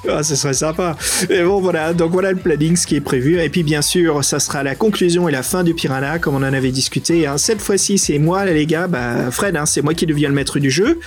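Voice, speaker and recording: A man with a French accent co-hosting a podcast in casual, excitable, slangy chat. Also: a little high, fairly quick. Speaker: podcast co-host.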